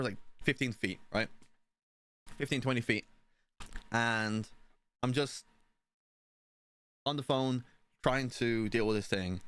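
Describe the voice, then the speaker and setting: A man's voice: medium pitch, a bit bright, no echo. A young man telling a personal story in a casual, rambling way, often swearing and asking "you know what I mean". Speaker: stream participant.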